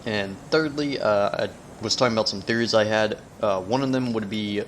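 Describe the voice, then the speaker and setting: A man giving casual, rambling gaming commentary, haltingly trailing off mid-thought, with whistling S sounds. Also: on the low side. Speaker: video game let's player. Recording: noticeable background noise, sensitive mic.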